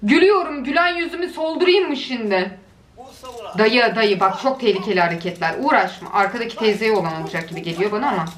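A woman's voice: on the high side, animated, quick pace, a bit bright. A woman giving casual reaction commentary on funny videos, chatting and cooing doting exclamations at what she watches. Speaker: video creator. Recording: echoey room with faint noise.

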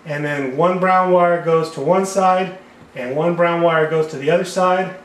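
A man's voice: a little high, steady tone, a little slow. A man explaining HVAC wiring step by step while he draws on a whiteboard, recorded by a camera over the board. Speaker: HVAC repair instructor. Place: indoor room at a whiteboard table. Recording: echoey room sound.

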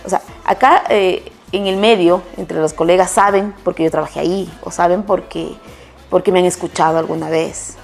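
A woman's voice: on the low side, fairly even intonation, moderate pace, vocal fry, soft background music. A woman sports journalist with an Ecuadorian accent, chatting in an interview and telling stories, with many restarts and self-corrections. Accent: Ecuadorian Spanish. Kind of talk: casual interview answers and storytelling.

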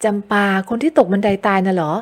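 A woman's voice: mid-range voice, animated, fast talker, close to an everyday voice. A woman voicing a brusque young man. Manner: blunt, scolding questions. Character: young man, brusque, short-tempered, protective. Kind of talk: audiobook character voice.

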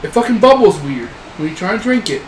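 A man co-hosting a podcast, joking loudly and swearing in casual banter with friends, laughing often. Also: sits high, big pitch swings, quick pace, music in the background. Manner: loud, crude and profane, laughs often. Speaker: podcast co-host. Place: small room indoors, fan running. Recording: echoey room with background noise.

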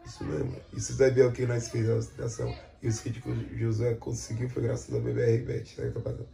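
A man's voice: medium pitch, completely flat delivery, fast, gravelly, dark tone. A man from Brazil hosting a casual vlog chat, slangy and plugging a sponsor link, tagging lines with "certo, rapaziada?". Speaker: host.

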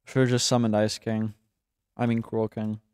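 A man's voice: fairly low pitch, little pitch movement, unhurried, darkish tone, clear, resonant tone, dry recording, clean studio sound. A young man casually commenting while playing a game, chatty and laughing at himself. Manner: chatty, laughing, self-mocking. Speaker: gaming channel host.

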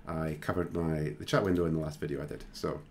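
A man hosting a screen-recorded software tutorial, talking casually and thinking aloud with plenty of fillers. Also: a bass voice, steady tone, fast talker, a little hiss or hum. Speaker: tutorial host.

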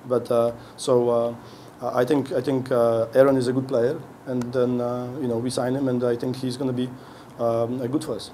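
At a post-game press conference in an indoor press room, a middle-aged head coach answers questions in a dark, mellow, medium-pitched voice with little pitch movement. He speaks haltingly, restarting phrases while searching for words, with faint background noise under the podium mic on its stand.

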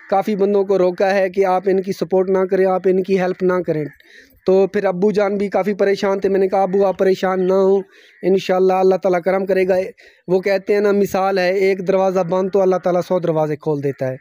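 Young male vlogger, high but mellow voice, earnest and devout, outdoor phone recording. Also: no room sound, lo-fi sound. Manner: earnest, devout, many religious phrases. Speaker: family vlogger. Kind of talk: casual vlog narration. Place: outdoors at a rural building site.

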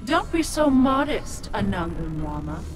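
A woman voices a haughty, imperious ancient witch who devours souls in a video game, mocking and menacing. Her medium-pitched voice swings widely at a measured pace, and loud music plays behind the studio recording.

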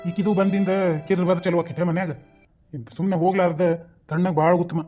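A man's voice: sits high, level tone, a little fast, mellow, soft background music, close to an everyday voice. A man voicing a worried, stubborn young husband in a cartoon with a North Karnataka accent. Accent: North Karnataka Kannada. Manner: grumbling, stubborn.

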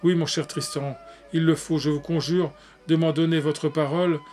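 A man's voice: fairly high pitch, little pitch movement, moderate pace, darkish tone, close to an everyday voice. A man reading the part of a pale, despairing young man who pleads solemnly with his brother. Faint music plays behind him. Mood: pleading.

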